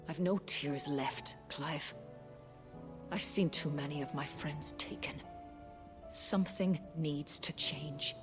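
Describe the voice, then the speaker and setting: Sad tough healer in a game, low quiet voice, loud music under it. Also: female voice. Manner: quiet, measured, somber. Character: weary young woman healer, grieving but resolute. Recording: game audio with clear music behind.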